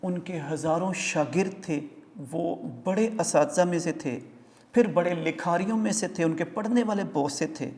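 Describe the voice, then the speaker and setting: A male teacher gives a classroom lecture that moves line by line through a text. He stops to explain pronunciation and meanings, often pausing on filler sounds. The room leaves a long reverberant tail on his voice. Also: high voice, darkish tone.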